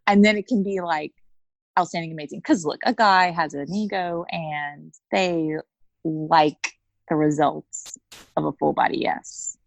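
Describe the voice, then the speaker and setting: A woman in her thirties, a coaching client appearing as an interview guest, speaks candidly and a little slowly in a low, gravelly, steady voice, acting out bits of dialogue. The audio is poor but has no echo.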